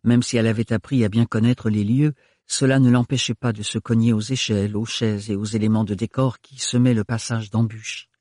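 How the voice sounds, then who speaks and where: A man narrating an audiobook in a measured, steady way, with a husky voice. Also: lowish voice, no echo, studio quality.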